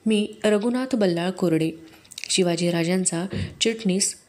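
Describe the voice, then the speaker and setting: A woman's voice: lowish voice, unhurried, darkish tone, lightly acted. A woman reading the lines of a proud male royal envoy who speaks formally and defiantly. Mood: stern.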